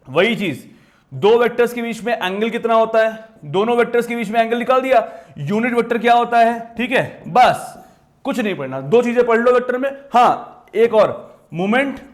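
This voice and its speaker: Very high-voiced man teaching maths. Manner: emphatic, repetitive, addresses students directly. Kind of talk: exam-prep lesson.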